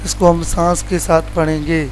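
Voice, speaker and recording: Male qaida teacher from Pakistan, monotone and slightly high, drawls out letter sounds, faint music behind. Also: rough recording. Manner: drawls out each letter slowly as a model; plain explaining teacher tone. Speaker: Quran recitation teacher. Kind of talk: letter-by-letter pronunciation lesson.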